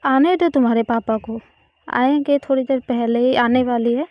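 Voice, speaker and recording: A woman playing a loud scolding Indian mother. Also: fairly high pitch, steady tone, moderate pace, no echo, highs cut off, natural voice. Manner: loud, nagging, sarcastic scolding. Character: scolding middle-aged Indian mother, stern but loving.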